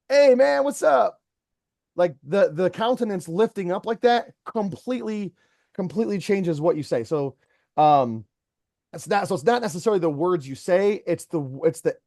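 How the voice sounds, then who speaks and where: A man's voice: sits high, dark tone, dry recording, clean studio sound. A man who owns a company, giving an employee earnest one-on-one coaching and telling stories to make his point. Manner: earnest, storytelling, mentoring.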